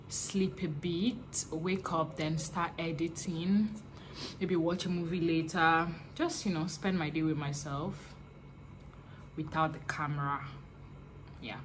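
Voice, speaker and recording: A woman's voice: on the low side, slight background noise. A woman in her twenties with a Nigerian accent, chatting casually to camera in a playful, talkative vlog. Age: 20s. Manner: chatty, playful, with quick laughs. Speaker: vlogger.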